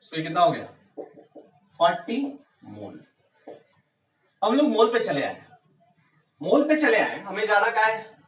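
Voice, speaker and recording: Casting: male chemistry tutor, high voice, fires rhetorical questions at the class, echoey room, mic at a distance. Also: wildly swooping pitch, slow, pauses often, a bit bright. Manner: rhetorical questions, urging students on. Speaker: chemistry teacher. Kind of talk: exam-prep lecture.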